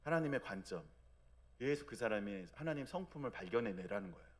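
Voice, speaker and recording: Brief: thirties male pastor, chatty Sunday sermon, checks in with the congregation, drops soft and low for God's lines. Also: expressive, fast. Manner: conversational, asks the congregation for agreement; acts out God's gentle speech in a soft low voice. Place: church sanctuary.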